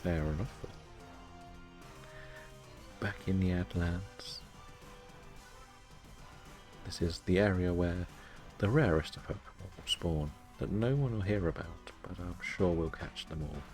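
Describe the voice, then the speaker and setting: A man casually commentating on his game stream and chatting to viewers in a low-key, resigned, self-deprecating way. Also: measured pace, pauses often, darkish tone, faint music behind. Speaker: live-streaming gamer.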